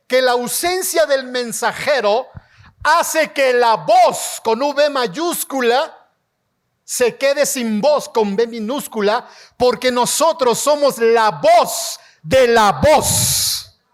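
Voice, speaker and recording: A man preaching a sermon as pastor, leading his congregation in call-and-response and rising to shouts. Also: extremely high pitch, expressive. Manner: slow, emphatic delivery, rising to shouts. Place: church hall before a congregation.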